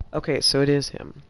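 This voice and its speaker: A woman's voice: low voice, creaky, slight background noise. A woman commenting casually as she plays a story game, blunt and swearing, cracking jokes. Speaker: streamer playing a game. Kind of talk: casual let's play commentary.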